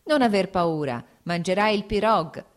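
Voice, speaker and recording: A woman voicing a cheerful bearded peasant man who calls out loudly and heartily, in an audiobook reading. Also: medium pitch, expressive, moderate pace, natural voice. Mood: jovial calling. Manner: loud hearty calling out.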